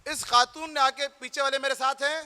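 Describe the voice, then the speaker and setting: A man's voice: extremely high pitch, little pitch movement, bright, forceful tone. A man preaching a sermon at a mourning gathering, with impassioned oratory, rhythmic repetition and calls to the audience for attention. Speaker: religious preacher. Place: large congregation hall. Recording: long reverb of a big hall.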